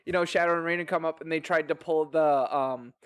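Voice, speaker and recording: A man's voice: fairly high pitch, steady tone, a little fast, clean tone. A man on a discussion panel, chatty, often laughing and acting out quoted voices as he tells stories.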